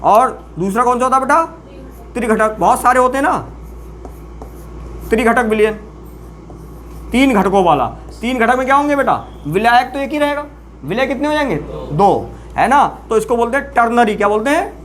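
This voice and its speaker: A chemistry teacher giving a classroom-style lecture, often asking the students questions and then answering them, and repeating key terms slowly for emphasis. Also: mid-range voice, lively intonation, a bit bright, slight background noise.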